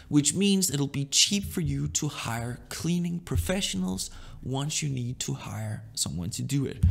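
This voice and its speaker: A young man from Denmark giving relaxed business advice in a loose, chatty monologue, often checking in with "right?". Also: fairly high pitch, gravelly. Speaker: online business vlogger.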